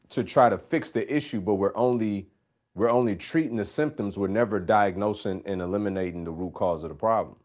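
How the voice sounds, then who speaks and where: A man's voice: lowish voice, darkish tone. A man hosting a live Q&A, talking emphatically in a preacherly coaching style and repeating his key phrases. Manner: preacherly, faith-based coaching. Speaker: host. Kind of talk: live Q&A talk.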